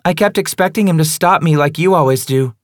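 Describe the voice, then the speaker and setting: Mocking young woman, provocative and cutting, put on by a male reader; sits high above a low voice. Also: fairly quick, no room sound, clean studio sound, lightly acted. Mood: taunting. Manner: taunting, teasing.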